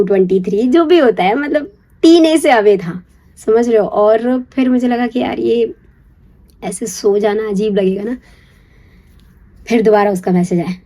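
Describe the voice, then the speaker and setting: A young woman casually telling a personal story in a chatty, confiding way, checking in with the listener and slipping into a hushed whisper for the secret parts. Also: mid-range voice, a little slow, pauses often. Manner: chatty, confiding, keeps asking "you get it?"; drops to a hushed whisper when acting out secrecy. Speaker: storyteller recalling her first love.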